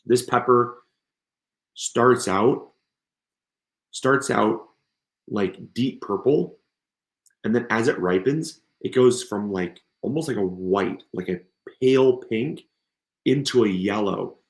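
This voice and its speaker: A man's voice: fairly low pitch, takes it slowly, pauses often, reverberant. A man hosting a gardening live stream, gushing over seeds and plants, his voice strained and tired from coughing. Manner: enthusiastic, gushing. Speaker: gardening channel host. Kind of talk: live stream product showcase.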